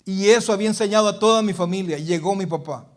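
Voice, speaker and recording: A middle-aged pastor preaching a sermon in a church, asking the congregation questions and swinging between loud and hushed passages. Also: male voice, sits high, fast.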